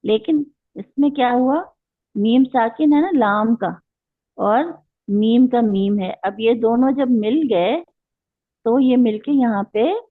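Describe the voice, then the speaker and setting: Slow-paced woman teacher on a tinny line. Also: a little high, dry recording. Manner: patient, explaining step by step with questions to students. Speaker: Quran recitation teacher. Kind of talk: online class lecture.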